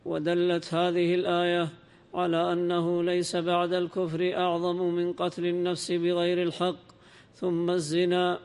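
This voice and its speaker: Clear, flat-voiced man reading in a hall. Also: high voice. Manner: measured, even recitation. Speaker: reader of the text in a lesson. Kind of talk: reading a classical commentary aloud.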